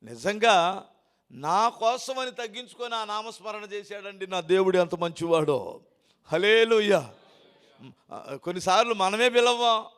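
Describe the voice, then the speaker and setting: A man preaching a sermon as pastor, alternating loud emphatic declarations with quiet, lowered asides and rhetorical questions to the congregation. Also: animated, normal speed, smooth. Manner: emphatic, rising to loud declarations then dropping low. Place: church hall.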